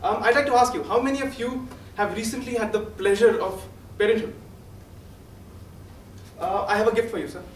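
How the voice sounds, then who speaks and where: High-voiced young Indian man, rehearsed theatrical speech. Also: brisk, long pauses. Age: young adult. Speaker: humorous speech contestant. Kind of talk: prepared humorous speech to an audience. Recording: roomy echo, distant mic, faint noise.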